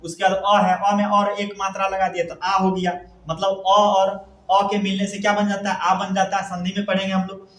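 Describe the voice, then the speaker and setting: A man's voice: sits high, completely flat delivery, moderate pace, fairly bright tone. A man from Bihar, India, teaching a classroom grammar lesson, often asking a question and then answering it himself. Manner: repetitive, asks questions and answers them himself. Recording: echoey room.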